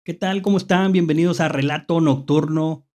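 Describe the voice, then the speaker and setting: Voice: medium pitch, fairly even intonation, moderate pace, a little mellow. A horror story host with a Mexican accent, telling spooky tales unscripted, hesitantly repeating phrases and checking in with rhetorical questions.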